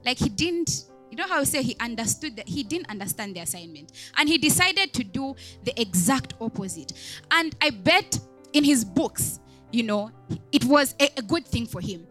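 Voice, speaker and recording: Woman, deaconess, conversational sermon, bright and lively tone, chatty asides, questions to the congregation. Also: a little high, moderate pace, soft background music. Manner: chatty, many "like" and "right?" asides. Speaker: deaconess preaching.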